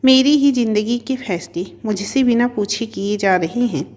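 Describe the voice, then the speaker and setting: A woman voicing a stubborn, proud young wife who lashes out in sharp, demanding outbursts in a storybook. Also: fairly high pitch, moderate pace, lightly acted. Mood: furious. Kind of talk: storybook narration.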